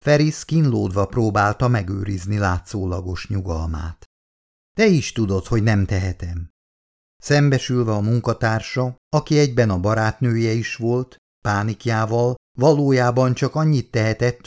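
Man reading a thriller audiobook, lowish voice, measured and dramatic. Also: lively intonation, darkish tone. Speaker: audiobook narrator. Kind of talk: scripted narration.

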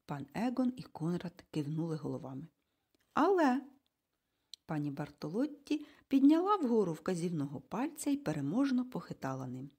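Mellow, husky woman narrating a storybook. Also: on the low side, a little fast, few pauses. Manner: expressive storytelling. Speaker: audiobook narrator. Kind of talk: scripted audiobook narration.

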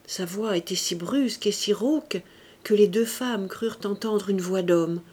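A woman narrating a classic novel as an audiobook, measured and expressive. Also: medium pitch, slightly rough. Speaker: audiobook reader.

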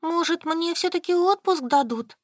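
A woman reading aloud, voicing a whiny, food-loving young woman schoolteacher in a high voice. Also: lively intonation, unhurried, no room sound, studio quality. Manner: whining, pleading.

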